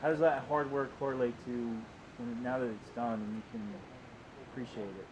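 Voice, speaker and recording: A man's voice: medium pitch, moderate pace, background noise. A man interviewing, asking rambling questions with restarts, heard on a worn tape copy.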